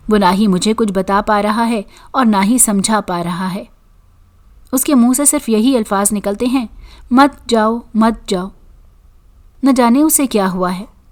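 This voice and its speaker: A woman's voice: a little high, close to an everyday voice. Woman voicing a stern, scolding mother. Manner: scolding, sharp. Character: stern angry middle-aged mother.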